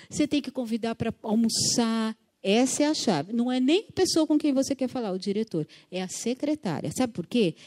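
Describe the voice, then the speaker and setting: A woman's voice: on the high side, a little mellow. A woman giving a conversational workshop talk on fundraising, repeating words for emphasis and acting out phone calls. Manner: acts out phone dialogues with voice shifts. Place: church workshop audience.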